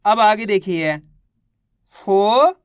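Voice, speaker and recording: A man teaching beginners to read, spelling out each syllable slowly and then blending it into a word, encouraging his viewers as friends. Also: sits high, expressive, smooth, no room sound, studio quality. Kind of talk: slow syllable-by-syllable reading lesson.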